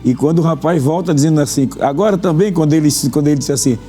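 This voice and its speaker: A man's voice: fairly high pitch, fast talker, dark tone, soft background music. A man hosting a religious talk program as pastor, preaching fervently and repeating phrases for emphasis.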